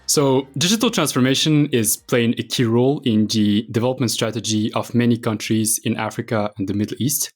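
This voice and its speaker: A man hosting a podcast, reading a polished scripted introduction and then asking his guest questions. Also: medium pitch. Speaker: podcast host.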